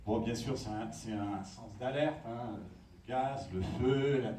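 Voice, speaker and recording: A man's voice: medium pitch, slow pace, warm tone, slight background noise. A man giving a conference talk, explaining patiently and often checking in with the audience. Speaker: conference speaker. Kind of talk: lecture talk. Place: conference room. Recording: echoey hall from far off.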